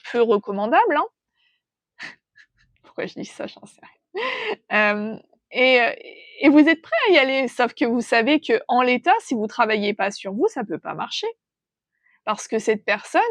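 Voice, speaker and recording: A woman with a fairly high voice reads tarot cards for her listeners, feeling her way through the message in a gentle, hesitant manner. She thinks aloud and pauses often as she senses the cards. Her voice is close and dry, with no room sound. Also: dry recording. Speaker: tarot reader.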